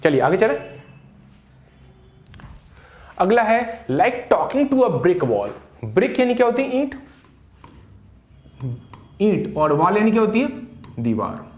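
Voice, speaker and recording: Guy teaching idioms, kinda high voice, roomy echo. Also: wildly swooping pitch, a little mellow. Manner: explains idioms in Hindi, reads English examples slowly. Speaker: English teacher. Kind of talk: casual spoken English lesson. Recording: echoey room.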